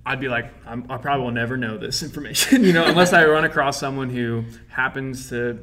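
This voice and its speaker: A man's voice: medium pitch, brisk, a crowd in the background. A man hosting a casual podcast chat, joking around and laughing often. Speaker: podcast host.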